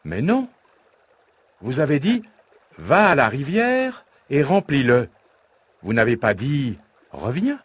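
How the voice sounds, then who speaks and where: Cheeky disguised princess, man voicing, slow storybook read. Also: mid-range voice, wildly swooping pitch, a little hiss or hum, pitched above the performer's own voice. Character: clever young princess disguised as a boy. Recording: tinny phone-like sound, faint music.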